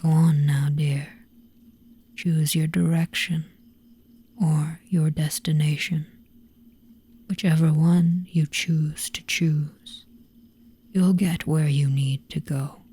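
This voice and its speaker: A performer voicing a sly, teasing, gentle cat in a hypnotic roleplay, with a slow, breathy, coaxing whisper. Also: medium pitch, steady tone, exaggerated voice. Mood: softly coaxing.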